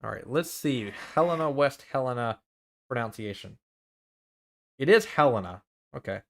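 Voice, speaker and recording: A man's voice: mid-range voice, expressive, normal speed, creaky. A young man, a student meteorologist, giving live severe weather coverage, listing towns and arrival times with urgent warnings and some self-corrections.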